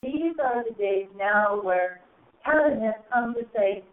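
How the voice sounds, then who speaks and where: A woman channeling a spiritual message to a group, speaking in slow, solemn, drawn-out phrases that swell and soar, heard over a phone call. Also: a little high, lively intonation. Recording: tinny phone line.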